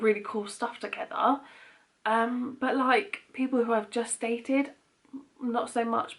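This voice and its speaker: A young British woman chatting casually and candidly in a vlog Q&A, rambling along with frequent filler words. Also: on the high side. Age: young adult. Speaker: vlogger.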